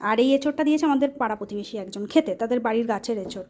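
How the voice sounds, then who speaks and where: Fast-talking hoarse woman vlogger. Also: on the high side, a little mellow, a little hiss or hum. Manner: chatty, talks to viewers as friends. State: hoarse from a cold. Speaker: family vlogger. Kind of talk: casual chat to camera.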